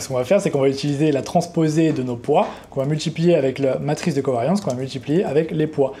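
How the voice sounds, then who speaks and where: A man's voice: mid-range voice, dark tone. Casual young man explaining code. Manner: casual, rambling, talks straight to the viewer. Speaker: trading educator. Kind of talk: unscripted coding tutorial.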